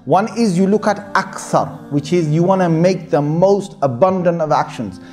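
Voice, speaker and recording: High-voiced man giving an animated sermon. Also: normal speed. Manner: earnest, repetitive exhortation with many fillers. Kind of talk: informal sermon to a young audience.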